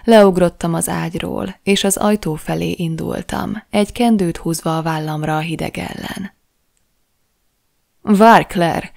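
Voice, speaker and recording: Low, gravelly woman narrating an audiobook. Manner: steady measured reading.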